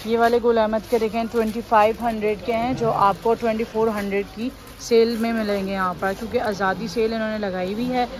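Walking a busy indoor clothing warehouse for her shopping vlog, a woman shows the stock in a fairly high, level voice, talking fairly quickly with hardly any pauses. Her chatter is upbeat and full of repeated fillers, and the recording picks up noisy store sounds.

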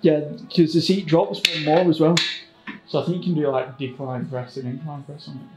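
A man's voice: on the high side, little pitch movement, brisk, lo-fi sound. A man chatting casually with a friend, easygoing and teasing. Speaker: friend helping build the gym. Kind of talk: casual chat. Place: basement home gym with bare brick walls. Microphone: camera on a tripod across the room. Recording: echoey room, music behind.

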